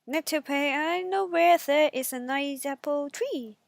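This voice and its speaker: A woman voicing a sly, menacing male wolf in a bedtime story, with a coaxing, drawn-out, forceful delivery. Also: high-pitched, vocal fry, dry recording, pitched above the performer's own voice.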